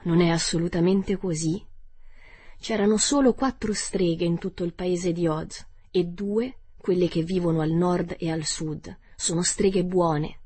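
A woman's voice: lowish voice, husky, no echo. A woman voicing a kindly old good witch. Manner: gentle, soft-spoken and composed. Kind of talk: audiobook character reading.

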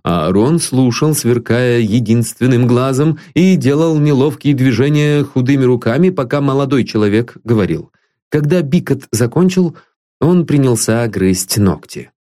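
Expressive male audiobook narrator. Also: medium pitch, moderate pace. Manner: expressive storytelling.

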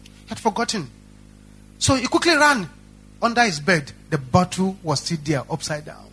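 Nigerian pastor, sermon storytelling, high and bright, repeats his lines. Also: normal speed, husky. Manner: animated storytelling with repetition.

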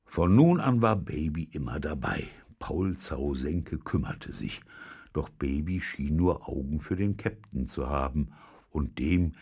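A man with an extremely deep, gravelly and husky voice reads a children's story aloud. He speaks slowly and lets his pitch swing widely for effect. The telling is expressive, with a dry edge. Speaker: audiobook reader.

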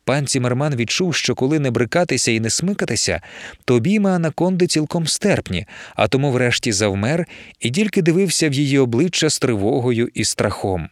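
Expressive man narrating a novel, animated pitch, dry studio read. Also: a little fast, dry recording. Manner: expressive storytelling. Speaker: audiobook narrator. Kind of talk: scripted narration.

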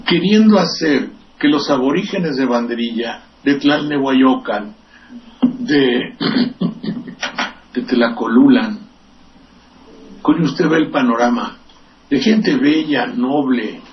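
A man's voice: medium pitch, slow, long pauses. Older Mexican man, sardonic rambling radio rant. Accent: Mexican Spanish. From Veracruz, Mexico. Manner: rambling, sardonic and profane, with digressions. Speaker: radio commentator and host. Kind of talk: political commentary on radio. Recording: distant, dull lo-fi radio recording with faint hiss.

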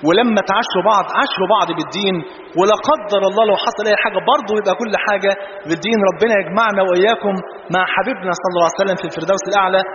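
An Egyptian man with an Egyptian Arabic accent, preaching in an animated storytelling way and mixing jokes into his religious talk. His voice sits high for a man and the words tumble out at great speed. He is heard in a large hall with a long, roomy echo. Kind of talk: sermon with humorous anecdotes. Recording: dull, roomy, noisy hall recording.

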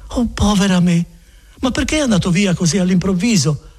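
A man voicing an anxious older peasant woman, pleading and close to tears, with a husky voice. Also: high voice, lively intonation, fairly quick, a little mellow, voice pushed up. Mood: distressed.

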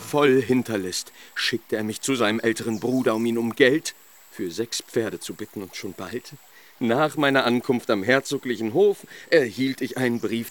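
A man's voice: medium pitch, slight background noise, close to an everyday voice. An actor in a radio play voicing Cardenio, a grief-stricken young nobleman who tells his story of betrayed love with impassioned sorrow. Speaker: character telling his own story.

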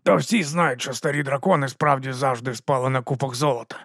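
A man voicing a shifty, grubby watchman in an audiobook, speaking in a low, hushed mutter. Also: brisk, no room sound, studio quality.

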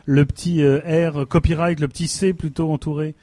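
A man's voice: fairly high pitch, level tone, normal speed, dark tone, dry recording. Comedian guy on the radio, jokey, fumbles words a lot, dry close sound. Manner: searching for words, joking. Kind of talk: casual radio chat.

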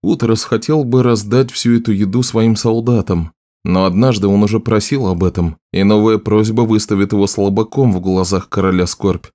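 Male audiobook narrator, lowish, steady, even. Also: normal speed. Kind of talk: scripted narration.

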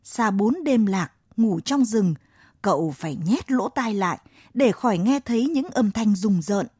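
Slow gentle woman telling a children's story. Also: mid-range voice, lively intonation, breathy edge, no echo. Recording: dry close mic, faint music behind.

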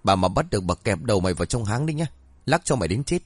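A man voicing a coarse, jealous middle-aged village aunt who yells curses. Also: on the low side, very animated, very fast, husky, dry recording. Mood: threatening. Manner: foul-mouthed, yelling curses.

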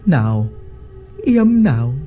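A reader voicing a lecherous, bullying old male village official who mocks and threatens in a drawn-out way. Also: mid-range voice, sing-song, dark tone, faint music behind. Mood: leering menace. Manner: mocking, leering, drawn-out menace.

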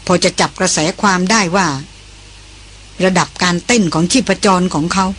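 A woman narrating a novel as an audiobook, in a measured, steady storytelling manner. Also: on the low side, a little hiss or hum. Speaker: audiobook reader.

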